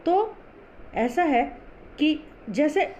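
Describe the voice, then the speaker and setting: Slow, patient female Hindi teacher. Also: sits high, lively intonation, a little mellow, a little hiss or hum. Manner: slow, patient, spells out sounds syllable by syllable. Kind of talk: classroom lesson explaining pronunciation.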